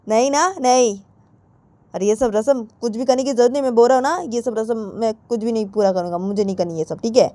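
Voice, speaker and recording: Storybook voice: a woman playing an indignant young woman, high-pitched and loud, insistent questions. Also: steady tone, quick pace, hardly any pauses, dry recording, close to an everyday voice.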